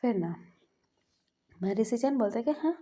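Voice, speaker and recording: A woman's voice: mid-range voice, moderate pace, dark tone. A woman casually narrating her own fan fiction story in a chatty way.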